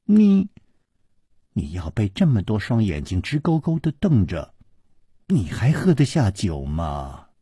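A man voicing a charming young woman, gentle teasing tone, husky, slow. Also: fairly low pitch, huge pitch swings, no echo, clean studio sound, full character voice.

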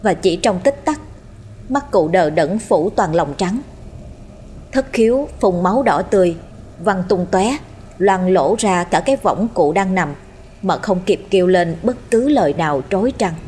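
A woman storyteller reading a scripted horror story in a steady, dramatic way. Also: fairly low pitch, measured pace, slight background noise. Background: faint music.

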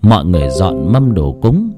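Male horror storyteller with a low, mellow voice and a very animated delivery. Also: moderate pace, faint music behind.

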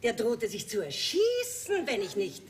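An affected, worldly society lady who laughs through her confessions. Her voice sits high. It comes from a distance on a stage recording with faint noise. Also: wildly swooping pitch, measured pace. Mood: wistful. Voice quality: theatrical, affected, laughing asides. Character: aging flirtatious society lady, theatrical, worldly. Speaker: Lady Kitty. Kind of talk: 1980s stage play recording.

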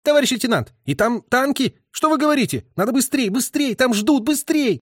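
A male narrator voicing a panicked young soldier who yells hoarsely, close to tears. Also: very high voice, animated, brisk, dry recording, voice pushed up, full character voice. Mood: frantic. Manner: desperate, urgent yelling. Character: frantic young male soldier, shrill and tearful.

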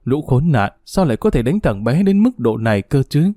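A man reading a sick old grandmother, breathless, scolding, dark mellow tone. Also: mid-range voice, sing-song, normal speed, no echo, studio quality. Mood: grieving. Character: frail sick old grandmother, fierce and tender.

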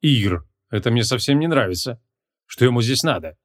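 A man's voice: mid-range voice, lively intonation, normal speed, lightly acted. A man reading the part of a stern, short-tempered male archmage in an audiobook, with commanding, curt questions.

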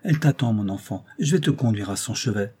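A man reading aloud voices a frail old noblewoman, a devoted mother who speaks in a quavering, subdued way. The voice stays low and husky. It is an audiobook read. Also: expressive, fast talker, mellow. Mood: pleading.

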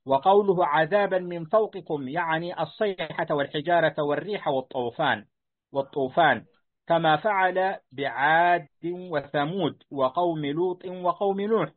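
A man's voice: a little high, moderate pace. A man reading a classical text aloud to his teacher, answering his corrections politely and respectfully. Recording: tinny phone-like line.

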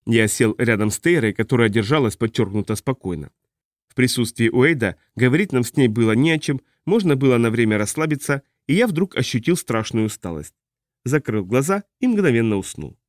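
Calm male audiobook narrator. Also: medium pitch, fairly quick, no room sound, clean studio sound. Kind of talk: first-person audiobook narration.

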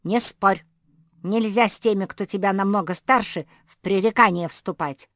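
A woman's voice: medium pitch, moderate pace, dry recording, studio quality, pitched above the performer's own voice, natural voice. Woman doing a bossy snappish poodle lady. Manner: stern, commanding.

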